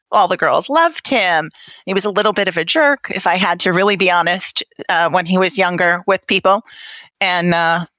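This time her low-leaning voice sounds pushed and bright in a dry recording. The Brooklyn, New York woman, a patient family advocate, stays candid and wry as a guest in a personal interview, her local accent unmistakable.

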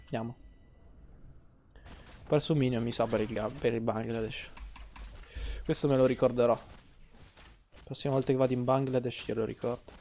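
A man talks over his live gameplay, cursing, grumbling and mocking his chat. His voice sits at an ordinary middle pitch. Faint noise hums behind him. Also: steady tone, moderate pace, long pauses, warm tone. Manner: profane, ranting, teasing, talks to chat. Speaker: game streamer. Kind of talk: casual live-stream gameplay commentary.

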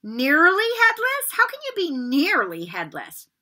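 A nosy eleven-year-old boy who asks blunt questions, high-pitched and pushed, full of eager interest. A woman reading a storybook plays him. He always wants the gory detail. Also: wildly swooping pitch, unhurried, bright, forceful tone, exaggerated voice. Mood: curious. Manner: curious and blunt.

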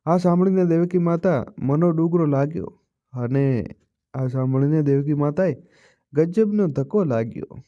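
A man reading a moral tale aloud as a storyteller, in a steady, even narrating style. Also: on the high side, moderate pace, long pauses, dry recording. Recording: dull, dry recording.

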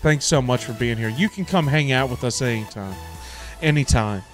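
Here the middle-aged American host speaks in a mid-range voice at normal speed during his casual gaming livestream. He is streaming indoors from home with background music, rambling, repeating himself, and using loose slang.

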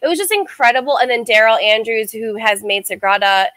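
A woman's voice: a little high, expressive, brisk, bright, forceful tone, dry recording. A woman from the United States, a guest streamer, telling stories casually in an interview and saying "like" often. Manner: chatty, heavy use of "like".

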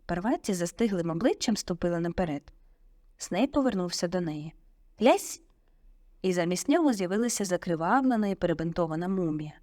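A woman narrating an audiobook in a vivid, expressive storytelling manner on a close studio mic. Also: on the low side, fast talker, dry recording.

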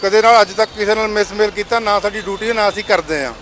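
A man's voice: sits high, steady tone, fast. A man, a traffic police in-charge firmly defending himself in a roadside argument. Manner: defensive, firm. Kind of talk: heated street argument.

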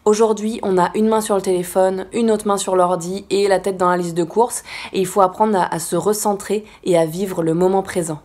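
A woman's voice: medium pitch, steady tone, normal speed, few pauses, darkish tone, soft background music. A woman vlogger giving casual, encouraging advice straight to the viewer, chatty with frequent fillers. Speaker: lifestyle vlogger.

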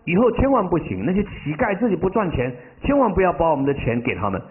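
A man's voice: mid-range voice, wildly swooping pitch, racing. A male preacher voicing a stingy, scolding mother who nags her son about wasting money, in a tinny, phone-like recording. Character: scolding stingy rich mother, middle-aged woman.

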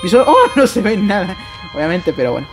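A man with an Argentine accent commenting on a horror game as he plays, jumpy and excitable, yelping, laughing and swearing casually. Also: high voice, brisk, faint music behind. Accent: Argentine Spanish. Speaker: gameplay streamer.

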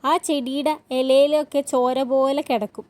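A woman narrator voicing a caring but sharp-tongued mother who answers in a tart, needling way. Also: sits high, fairly even intonation, normal speed, dry recording, lightly acted.

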